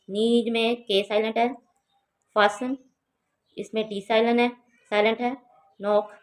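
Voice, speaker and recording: A woman's voice: mid-range voice, rough recording. A woman teaching a home English lesson, spelling out words letter by letter and translating each English line. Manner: reads English lines slowly and carefully.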